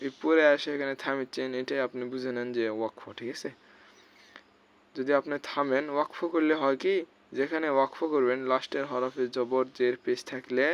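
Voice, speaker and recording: A male teacher explains Quran reading rules patiently and step by step, often pausing to ask whether it is clear, and draws out the recited sounds slowly. His voice sits in a middle range, and the recording sounds slightly muffled and lo-fi. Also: mid-range voice. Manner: explains step by step, often checks with "ঠিক আছে?". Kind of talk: explanatory lesson.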